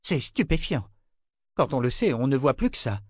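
A man voicing a pragmatic, composed woman of a religious order in an audiobook, with a slightly raised, measured voice. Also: mid-range voice, very animated, no room sound, clean studio sound, pitched above the performer's own voice. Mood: astonished. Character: pragmatic older female sister, composed.

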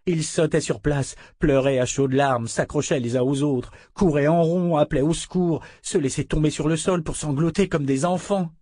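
A man narrating a French fantasy audiobook in a calm, measured storytelling voice on a close mic. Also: on the high side, dry recording.

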